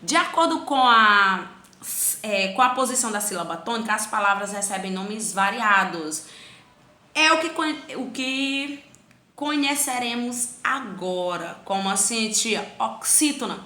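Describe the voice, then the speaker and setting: A bright, fairly high-voiced woman gives a grammar lesson to children. She draws out syllables slowly to show where the stress falls, and she asks the pupils' questions in her own voice. The room around her is echoey. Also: lively intonation. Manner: plays both teacher and pupil asking questions. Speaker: teacher.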